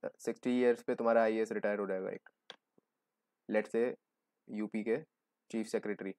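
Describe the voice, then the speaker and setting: A man's voice: on the low side, fairly even intonation, moderate pace, a little mellow. A young man giving a joking, conversational exam-prep lecture, explaining with everyday examples. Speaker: teacher.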